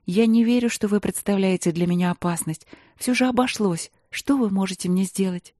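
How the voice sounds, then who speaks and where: A narrator putting on a young princess whose voice rises higher and plaintive, soft and sometimes almost a whisper. The tone stays mellow and dry, close to the microphone. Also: normal speed, dry recording, lightly acted. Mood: resolute. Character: young princess, frightened yet bold. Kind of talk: audiobook reading.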